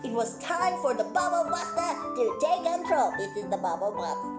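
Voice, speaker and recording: Playing a clown presenter, a woman reads a children's story aloud with expressive exclamations and chatty asides to her young audience. Her voice is high and her speed normal, in a roomy, echoing space with faint music behind.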